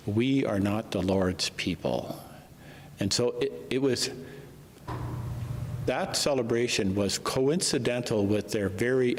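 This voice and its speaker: A man, a priest, reading the gospel and preaching a homily in a slow, measured way, his voice ringing in the long reverb of a large church. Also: lowish voice. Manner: slow, measured, unhurried delivery.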